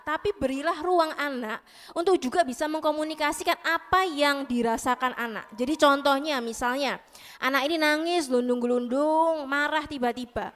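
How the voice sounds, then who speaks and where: Woman psychologist, high voice, emphatic, repeats key points, talk show advice. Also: normal speed, fairly bright tone. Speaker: psychologist guest.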